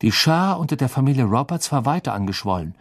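Male audiobook narrator, expressive, animated pitch, mid voice. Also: quick pace. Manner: expressive storytelling. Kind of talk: scripted narration.

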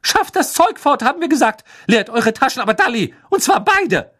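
A man's voice: mid-range voice, a little slow, slightly rough. A man voicing a stern, angry middle-aged mother witch who scolds sharply in an audiobook reading. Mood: scolding.

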